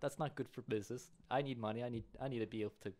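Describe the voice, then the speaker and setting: Plaintive young human bodyguard, played by the game master. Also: male voice, medium pitch, steady tone, very fast, darkish tone, lightly acted. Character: earnest human mercenary bodyguard, young man.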